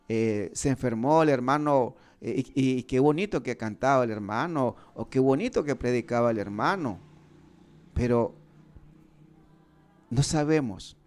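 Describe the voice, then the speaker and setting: A man preaches a live sermon into a radio studio microphone, speaking at a slow, steady pace in a middle-pitched voice. He is earnest and serious, and he often hesitates, repeats words and restarts his sentences. He grew up in Nicaragua. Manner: earnest, halting, with many fillers and restarts; describes himself as serious.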